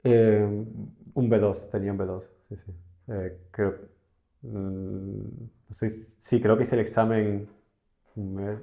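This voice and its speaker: Man, young adult, from Spain, low pitch, warm tone, casual, hesitant. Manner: reflective, hesitant with many fillers. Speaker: guest. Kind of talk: casual interview conversation.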